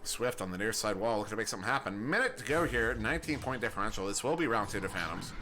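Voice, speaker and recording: A man's voice: lowish voice, animated, quick pace, bright, forceful tone, slight background noise. A young American man doing casual play-by-play commentary on an esports match, rambling and self-deprecating, often chuckling. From United States. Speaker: esports caster.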